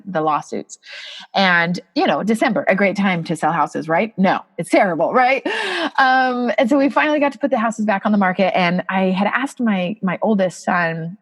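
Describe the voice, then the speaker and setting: A woman in her thirties, a podcast guest, telling a personal story in an expressive, emotional, conversational way. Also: medium pitch. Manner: expressive, emotional, animated retelling.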